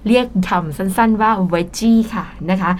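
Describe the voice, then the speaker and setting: A woman's voice: medium pitch, measured pace, slight background noise. A Thai woman with a Thai accent co-hosting an English lesson show, explaining words in Thai and mixing in English, often laughing. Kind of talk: bilingual radio English lesson chat.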